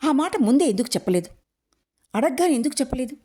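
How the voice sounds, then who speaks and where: A woman reading aloud, voicing a short-tempered father who scolds and shouts at his daughter. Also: mid-range voice, lively intonation, normal speed, close to an everyday voice. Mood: angry scolding. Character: angry middle-aged father, short-tempered.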